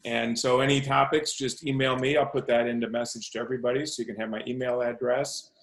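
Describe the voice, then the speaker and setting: A man organizing events, making brisk, informal announcements on a video call and thinking aloud about what he still needs to cover. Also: mid-range voice, flat delivery.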